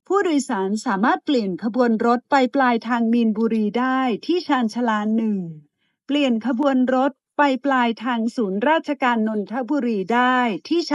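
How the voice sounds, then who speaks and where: A woman delivers recorded train announcements in a high, clear voice. She speaks slowly and politely, with each phrase evenly spaced. The sound is dry and close, with no room echo. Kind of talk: formal bilingual transit announcement.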